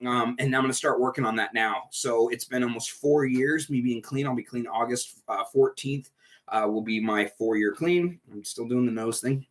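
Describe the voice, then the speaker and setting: This medium-pitched man speaks at a moderate pace, his nose clearly blocked up. He's at home hosting a livestream for the recovery group he leads, keeping it chatty, upbeat and a little rambling.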